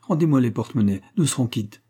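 A man reading an audiobook, voicing a sly male pickpocket who bargains in a wheedling, hurried way. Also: mid-range voice, expressive, mellow, slightly rough. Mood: bargaining.

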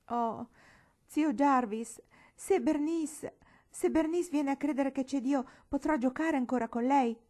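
A woman voicing an earnest, pious little girl who pleads softly, in a storybook reading. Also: fairly low pitch, expressive, brisk. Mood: pleading.

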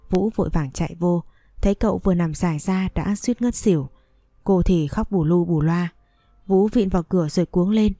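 A woman narrating a romance story audiobook in a slow, steady reading manner. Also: lowish voice, no echo, clean studio sound.

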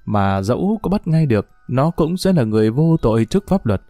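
A man voicing a sharp, intense young male detective who talks urgently and confidently. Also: mid-range voice, very animated, a little fast, dry recording, soft background music. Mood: scheming.

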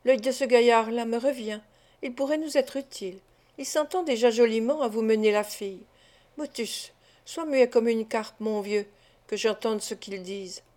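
A woman reading an audiobook, voicing a sly, scheming old male fence who talks in a hushed, wheedling way. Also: fairly high pitch, moderate pace, natural voice.

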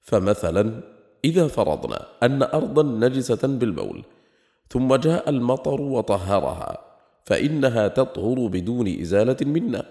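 A man reading a scholarly text aloud in a measured, explanatory way, at times slightly sing-song. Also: mid-range voice, very animated, darkish tone. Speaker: reader. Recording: long hall reverb.

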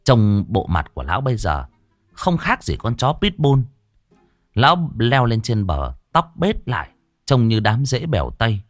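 A man narrating a ghost story in a vivid, animated way. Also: mid-range voice, moderate pace, dry recording, soft background music.

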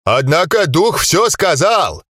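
A man voicing a huge blue male giant shaman who talks in a slow, laconic drawl. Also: fairly high pitch, sing-song, a bit bright, dry recording, studio quality, pitched above the performer's own voice, heavily acted. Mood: matter-of-fact.

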